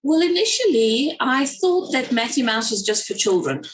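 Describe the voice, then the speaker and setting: Speaking at a normal speed in a high, very animated voice, a South African woman who writes children's stories joins a webinar video call as a guest speaker. Her casual talk rambles, full of fillers and restarts, on a rough recording.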